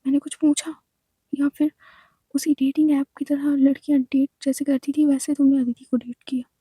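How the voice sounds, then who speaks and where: Woman doing storybook doctor, firm, probing, demanding, high pitch, mellow tone. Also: level tone, moderate pace, no echo, natural voice. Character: firm, probing female doctor, calm authority.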